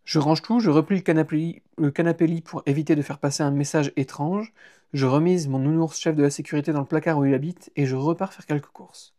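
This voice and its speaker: A man narrating a humorous novel in the first person on a live stream, lively and playful, stopping for chatty asides to listeners. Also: on the high side, a little fast. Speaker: audiobook reader and author.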